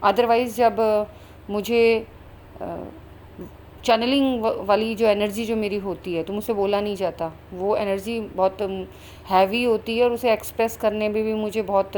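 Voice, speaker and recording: A woman with a mid-range, darkish voice recounts a vision from her meditation, with slight background noise. She hosts a spiritual channel and tells this personal account earnestly and fluidly, mixing Hindi and English and using many fillers.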